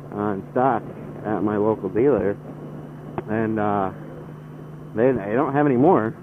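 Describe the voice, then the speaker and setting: A man of average pitch talks casually from inside a motorcycle helmet, hesitating and rambling as he goes. The sound is narrow and phone-like, as from a helmet mic. A faint vehicle noise runs behind his voice. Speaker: motorcycle vlogger. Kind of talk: casual motovlog chat while riding. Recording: band-limited helmet mic, engine and road noise.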